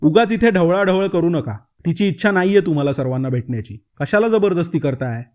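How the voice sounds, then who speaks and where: Male narrator as a curt young husband, brushes friends off, fairly high voice. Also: lively intonation, fairly quick, a little mellow, muffled recording, natural voice. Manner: curt, dismissive. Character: defensive young husband telling old friends off.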